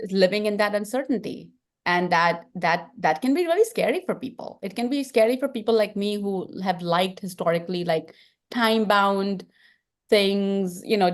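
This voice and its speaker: A middle-aged woman with an Indian accent, a film director talking earnestly in an interview and thinking aloud with frequent restarts. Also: fairly low pitch. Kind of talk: reflective interview talk.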